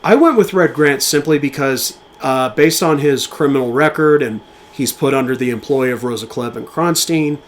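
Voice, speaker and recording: A man co-hosting a podcast, speaking casually and with enthusiasm about film, with fillers and quick restarts. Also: medium pitch, a little hiss or hum. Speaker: podcast co-host.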